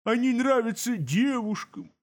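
A man reading an audiobook, voicing a raging male demon chieftain who bellows in slow, drawn-out snarls. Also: very high-pitched, lively intonation, pitched above the performer's own voice, heavily acted. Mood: furious.

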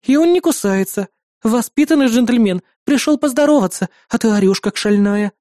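A woman's voice: a little high, expressive, moderate pace, mellow, dry recording, clean studio sound, voice pushed up, lightly acted. A woman voicing a timid, odd young woman who loves animals, in an audiobook. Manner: timid, sulky, guilty. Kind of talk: audiobook character voice.

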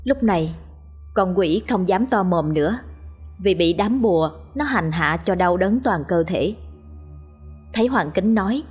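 A woman's voice: on the low side, expressive, a little slow, a little mellow, husky, soft background music. A woman narrating a ghost story with dramatic storytelling.

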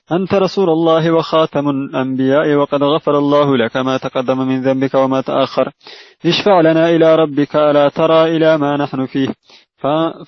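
A man reading a religious commentary aloud to his teacher in a measured recitation, with occasional slips and self-corrections. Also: on the high side, dry recording. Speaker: student reading a text aloud to a sheikh. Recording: dry, dull lo-fi lecture recording.

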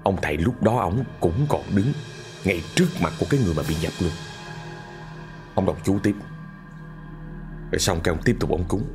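A man's voice: deep voice, a little fast, pauses often, music in the background. Man telling a ghost story. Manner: vivid, repetitive, conversational.

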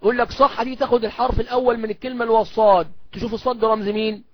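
Quick high-voiced Egyptian teacher. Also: male voice, little pitch movement, highs cut off. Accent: Egyptian Arabic. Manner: explanatory, asks and answers his own questions, slows to recite verse. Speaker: Quran recitation teacher. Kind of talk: recorded course lecture.

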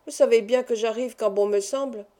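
A woman's voice: fairly high pitch, steady tone, a little fast, mellow, natural voice. A woman voicing a proud, wild young peasant beauty who talks back defiantly.

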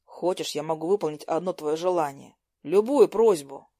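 A woman's voice: low voice, moderate pace, dark tone, no echo, studio quality, voice pushed down. Woman voicing a cocky teenage schoolboy. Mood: sly, defensive. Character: cocky teenage boy, teasing, sheepish.

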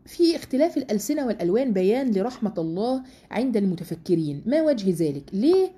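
A woman with an Egyptian accent teaching a casual Quran study lesson to women, talking in a chatty way full of rhetorical questions and slowing down to recite verses. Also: fairly high pitch, big pitch swings, mellow, slightly rough. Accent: Egyptian Arabic.

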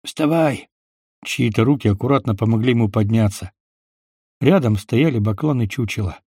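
A man narrating an audiobook in a measured, unhurried manner. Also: fairly low pitch, mellow, husky, no echo, clean studio sound. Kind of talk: scripted narration.

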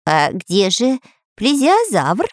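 A woman plays a jumpy, timid spy in a children's story who speaks cautiously and startles easily. The voice is lively and uneven. The recording is close and dry. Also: medium pitch, slow pace, no room sound, full character voice. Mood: nervous. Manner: nervous, cautious.

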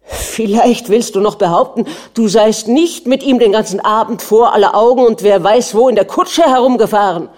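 A furious, jealous older prince bellows and chokes on his own rage, as a woman reads him aloud. His voice climbs high and loud in his outbursts. The timbre underneath stays warm and mellow. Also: moderate pace, close to an everyday voice. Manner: shouting, choking with rage. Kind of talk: audiobook reading.

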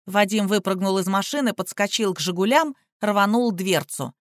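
A woman reading a novel aloud as audiobook narrator, in an even, expressive manner. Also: mid-range voice, moderate pace, no echo, clean studio sound.

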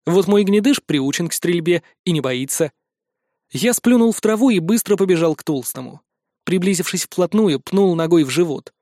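A man narrating a fantasy adventure in first person, brisk and wry. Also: sits high, lively intonation, darkish tone, dry recording, clean studio sound. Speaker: audiobook narrator.

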